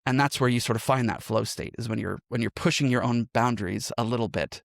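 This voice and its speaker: A man's mid-range voice, quick and marked by vocal fry, comes through clean studio sound with no room echo. As a podcast guest who teaches improv and works as a game master, he reflects on his story conversationally, often checking in with "right?"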